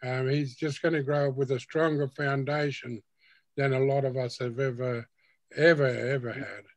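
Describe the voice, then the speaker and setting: Older male panelist, measured and reflective, dry close webcam sound. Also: mid-range voice, little pitch movement, no room sound. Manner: slow, reflective speech with repeated phrases. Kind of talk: panel discussion over video call. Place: home room with bookshelves. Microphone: video call webcam.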